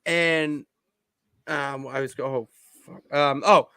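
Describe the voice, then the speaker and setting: Brief: man, podcast co-host, excitable rambler who keeps restarting sentences, fairly high voice, dry close sound. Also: takes it slowly, smooth, no room sound. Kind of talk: casual chat. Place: home basement.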